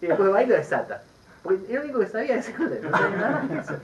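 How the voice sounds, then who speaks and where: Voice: mid-range voice, racing. A Buddhist teacher with a Rioplatense Spanish accent, giving a Dharma teaching full of stories and asides. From Argentina. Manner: lively storytelling with asides and laughter. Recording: distant dull recording with faint background noise.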